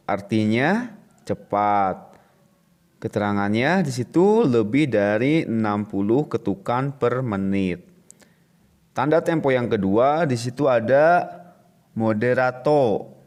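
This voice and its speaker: A man's voice: lowish voice, darkish tone. A man teaching a recorded music lesson to children, explaining patiently and repeating each point step by step.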